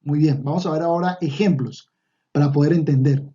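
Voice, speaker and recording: Guy giving an online hebrew class, mellow dark voice, repeats stuff a lot, bit muffled audio. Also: on the high side, a little fast. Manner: patient, repeats words, fillers and restarts. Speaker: Hebrew teacher. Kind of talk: online language lesson.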